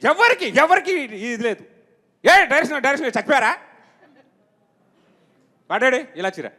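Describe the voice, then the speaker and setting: A man's voice: extremely high pitch, very animated, normal speed, sharp tone, in a large hall, heavily acted. A man putting on an impatient male film director who barks orders and scolds the crew on set. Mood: bossy shouting.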